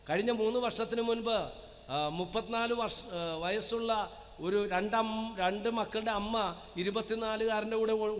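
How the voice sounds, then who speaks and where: A man's voice: sits high, fairly bright tone. A man preaching as a priest, telling stories animatedly and asking the audience questions. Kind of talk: sermon. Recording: long hall reverb.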